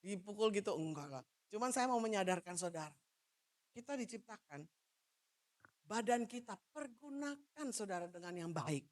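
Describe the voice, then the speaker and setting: A woman pastor from Manado giving a loud, animated sermon, joking with the congregation and moving about as she preaches. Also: medium pitch, normal speed. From Manado, Indonesia. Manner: jokes with the congregation. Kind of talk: lively sermon.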